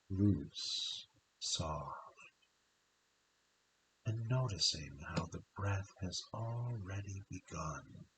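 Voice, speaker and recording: A man with a very deep voice talks slowly and softly through a guided relaxation, stretching each phrase and leaving long pauses. He slips now and then into a breathy half-whisper. A steady hiss sits under the whole recording. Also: rough recording. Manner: soft, slow, hypnotic delivery with long pauses and drawn-out phrases.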